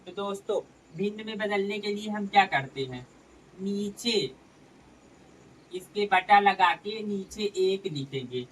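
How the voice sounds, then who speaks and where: A man's voice: high-pitched, lively intonation, slow, a bit bright, far from the mic, slight background noise, poor audio. A man teaching a maths lesson step by step, calling his viewers friends as he works through each sum.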